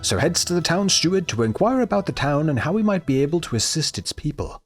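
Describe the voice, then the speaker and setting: A man's voice: on the high side, very animated, fast, soft background music. A man narrating a comic video game review with sarcastic, mocking delivery.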